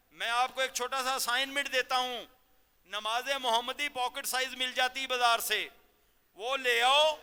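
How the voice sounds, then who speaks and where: A man giving a Ramadan sermon as a cleric, exhorting and questioning his listeners and slowing down to demonstrate careful recitation. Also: very high-pitched, pushed and bright, clean tone. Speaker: cleric teaching Quran lesson. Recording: long reverb of a large hall.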